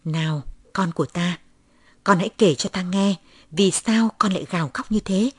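A woman reading aloud voices a gentle middle-aged male priest who speaks softly and solemnly to a lost child. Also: lowish voice, moderate pace, breathy edge, dry recording. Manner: soft, kindly, solemn.

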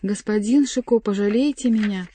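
A woman's voice: mid-range voice, normal speed, warm tone, husky, lightly acted. A woman voicing a fat, cowardly monk who begs breathlessly for mercy. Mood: pleading. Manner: pleading, breathless.

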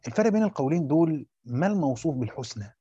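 A man's voice: fairly high pitch, sing-song, rapid-fire, warm tone, husky, no room sound. A man with an Egyptian accent teaching a lesson on Quranic commentary, explaining step by step, repeating phrases and quizzing his students. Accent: Egyptian Arabic. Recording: muffled, dry lo-fi recording.

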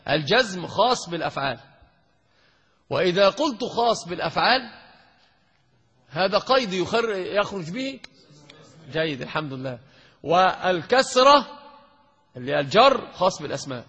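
A man's voice: high voice, expressive, a little fast, long pauses, a bit bright, breathy edge. A man teaching Arabic grammar to a class, quizzing and teasing his students as he goes. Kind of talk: classroom lesson with questions to students. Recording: lo-fi lecture recording in a long-reverb hall.

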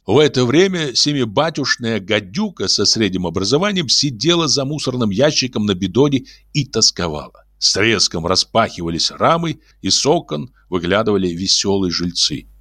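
A man giving expressive, theatrical audiobook narration. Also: lowish voice, normal speed, hardly any pauses, no room sound, clean studio sound. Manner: animated, theatrical storytelling.

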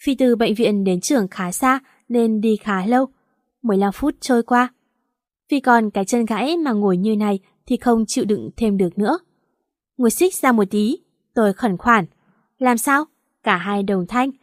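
A woman reading a first-person romance story aloud, lively and acting out the dialogue. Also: medium pitch, normal speed, no room sound, studio quality. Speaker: audiobook narrator.

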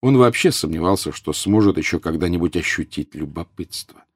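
Audiobook narrator, male, very low voice, measured and grave, dry close sound. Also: lively intonation, no echo. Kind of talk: scripted narration.

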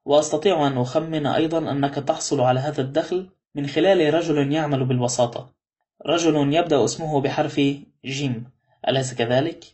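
Calm, grateful older ex-convict for a storybook reading, as a male narrator puts him on; quick, quiet, slightly raised pitch. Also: close to an everyday voice.

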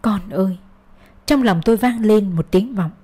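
A woman's voice: mid-range voice, moderate pace, warm tone, slightly rough. A woman narrating a first-person audio story in a wounded, bitter tone.

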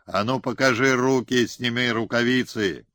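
A man's voice: medium pitch, normal speed, a bit bright, no echo, close to an everyday voice. A man voicing a stern, lame Cossack ataman who scolds bluntly, in an audiobook. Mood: harsh. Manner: scornful, blunt. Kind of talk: audiobook character reading.

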